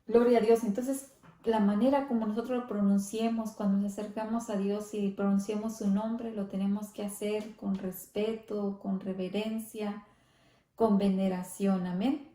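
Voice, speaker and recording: A woman leading a church Bible study, speaking slowly and reverently, often adding amén and gloria a Dios. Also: medium pitch, flat delivery, mellow, roomy sound. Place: church hall.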